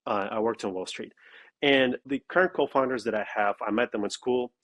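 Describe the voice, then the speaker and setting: A man's voice: mid-range voice, fairly quick, a bit bright. Founder guest, man, blunt and emphatic, mid-range voice. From Russia. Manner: blunt and emphatic, with frequent "okay?" asides. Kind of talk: casual interview talk.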